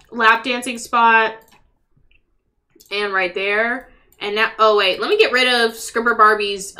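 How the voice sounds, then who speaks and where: A young woman casually commentating on a game as a live streamer and chatting with viewers, sweary and excitable. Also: fairly high pitch. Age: young adult. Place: small room at home, indoors.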